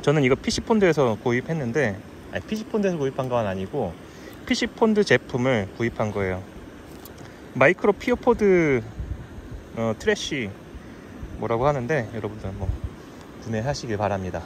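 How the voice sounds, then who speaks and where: Man, mid-pitched, relaxed vlog narration, explanatory, noisy outdoor camera audio. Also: moderate pace. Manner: relaxed, explanatory, with frequent fillers. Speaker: fly fishing vlogger. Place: riverbank outdoors and inside a car.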